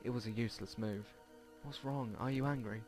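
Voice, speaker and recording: A man hosting a let's play reads visual novel text aloud in a medium-pitched, slightly mellow voice, fairly quick and fairly even, stumbling now and then. Game music plays in the background.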